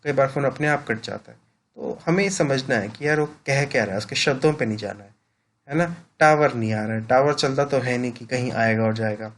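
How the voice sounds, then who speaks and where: A man's voice: mid-range voice, a little fast. Hindi teacher man, explanatory lecture. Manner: explanatory, peppers sentences with "right?" tag questions. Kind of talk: classroom lecture.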